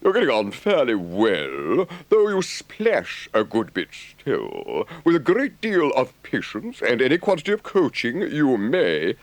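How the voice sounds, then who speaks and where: Good-natured river rat, slow drawl, very animated intonation, emphatic, worldly storybook gentleman. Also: medium pitch, dry recording, voice pushed up. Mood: wry. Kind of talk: audiobook character voice.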